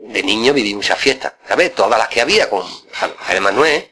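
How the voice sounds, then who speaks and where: A man's voice: on the low side, animated, fairly quick, pushed and bright, husky. An older man, a flamenco guitarist, reminiscing casually in an interview, rambling and repeating words with many tag questions.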